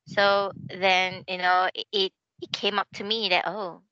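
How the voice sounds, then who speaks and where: A woman's voice: medium pitch, unhurried, no echo, muffled recording. A woman who works as a phone interpreter, chatting casually and acting out voices as she tells a story. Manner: animated, acts out voices in a story. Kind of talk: casual podcast chat, storytelling.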